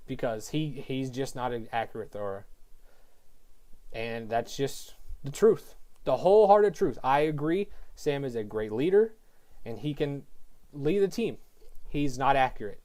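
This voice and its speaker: A man's voice: medium pitch, a little slow, pauses often, a little mellow. A young man giving a frustrated, exasperated rant about his college football team, often repeating himself and restarting sentences. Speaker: sports fan vlogger. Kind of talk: ranting sports commentary.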